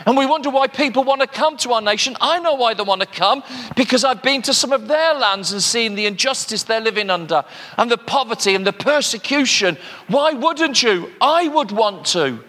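An older man from Britain delivers a sermon with a high, bright voice that rings out. His delivery is conversational, with joking asides to the congregation. The long reverb of a large hall hangs on every phrase. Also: expressive, normal speed. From United Kingdom. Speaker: preacher.

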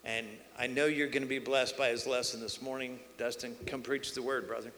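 A man's voice: mid-range voice, level tone, brisk. A man introducing the guest preacher at a church service, praising him and urging the listeners on. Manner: warm praise, rising exhortation. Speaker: minister introducing the speaker. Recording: reverberant hall, faint background noise.

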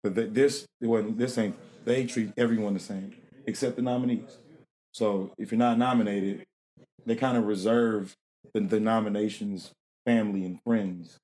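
A man's voice: on the low side, fairly even intonation, normal speed, warm tone. A man being interviewed in a casual, rambling conversation, laughing often and restarting his sentences. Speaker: interview guest, rapper and producer.

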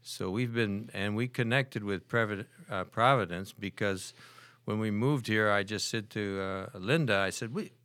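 An older man from Michigan speaks in a low voice, pausing and restarting often as he tells his story. He is a guest on a church podcast. The sound is dry and close. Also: fairly bright tone, no echo. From Michigan, USA. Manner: hesitant, halting with restarts. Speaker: guest, church prayer team member. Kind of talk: casual podcast interview.

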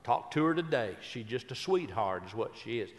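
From a stage in a large hall, a man tells folksy stories to a live audience, chatty and teasing the crowd in stand-up fashion. His voice is medium-pitched with lively intonation, and he talks a little fast.

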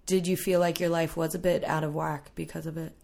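A woman's voice: low-pitched, little pitch movement, brisk, creaky, darkish tone. A woman in her thirties hosting a podcast, chatty and laughing often. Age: 30s. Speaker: podcast host. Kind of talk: casual interview chat.

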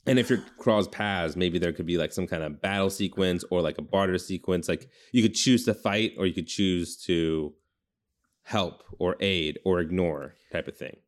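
A man's voice: deep voice, normal speed. A young man chatting casually on a podcast, rambling through ideas with lots of "like". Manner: rambling, heavy use of "like". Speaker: podcast co-host. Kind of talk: casual brainstorming chat.

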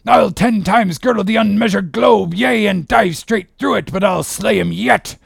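An old, commanding whaling captain, consumed by obsession. The voice is raised in pitch and heavily gravelled, with a husky rasp. He declaims in grand archaic sea language, as in a storybook drama. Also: animated, a little slow, no echo, studio quality, heavily acted. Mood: frantic, commanding. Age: older. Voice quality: gravelly, raspy. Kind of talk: dramatic audiobook character reading.

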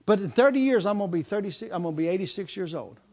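High-voiced preaching man in his fifties. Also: animated, very fast, a little mellow. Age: 50s. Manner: impassioned preaching with repeated phrases and restarts. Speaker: pastor. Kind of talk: sermon.

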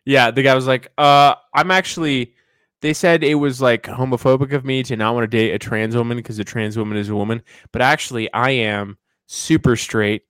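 A man's voice: mid-range voice, level tone, quick pace, hardly any pauses, fairly bright tone, clear, resonant tone, no echo. A man chatting casually as a podcast co-host in a joking, slangy frat-bro way. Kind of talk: casual banter.

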